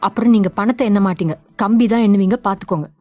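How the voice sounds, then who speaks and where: A woman voicing a defiant young daughter in a story, with a sharp, scolding way of talking. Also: mid-range voice, quick pace, no echo, close to an everyday voice. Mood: furious. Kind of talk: audio drama reading.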